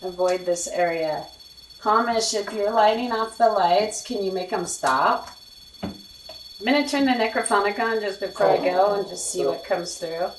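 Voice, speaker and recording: A woman's voice: mid-range voice, normal speed. A woman hosting a paranormal session, asking short questions aloud to spirits and repeating what she takes as replies. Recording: echoey, distant mic, noisy with clicks.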